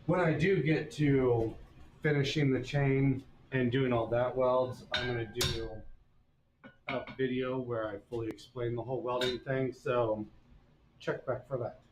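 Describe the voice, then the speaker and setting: A man's voice: medium pitch, steady tone, a little slow. Blacksmith guy chatting thru a forge demo, folksy, echoey shop, bit of hiss. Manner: folksy, explains step by step. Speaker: blacksmith teaching on a stream. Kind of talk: casual live demonstration. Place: forge workshop.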